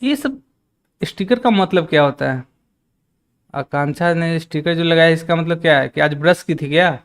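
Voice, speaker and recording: A man's voice: fairly high pitch, moderate pace, clean tone. A man teaching a live-streamed maths lesson, working through problems step by step and talking with viewers in the chat. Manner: chatty teacher, reads out and teases chat.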